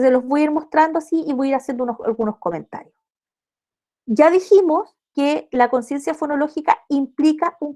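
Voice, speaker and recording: A woman lectures a class, patient and explanatory, checking in with her listeners through frequent tag questions. Her voice sits high and has a warm, mellow tone. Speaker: university lecturer teaching early literacy.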